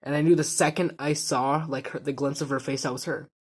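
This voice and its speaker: A man telling a personal story in a vlog, speaking softly and haltingly, often trailing off into quiet. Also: on the high side, fairly even intonation, husky. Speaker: vlogger.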